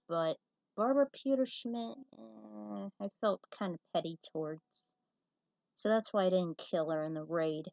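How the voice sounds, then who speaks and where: In a dull, muffled lo-fi recording with no echo, a woman with a mid-range voice casually reads from her own fan fiction and comments on it. She's blunt and opinionated, and she swears now and then.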